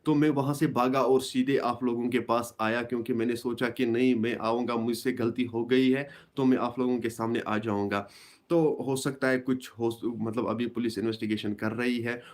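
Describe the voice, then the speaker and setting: A young man hosting a casual live stream, talking in a halting way with many restarts and repeated phrases. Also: medium pitch. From Kashmir.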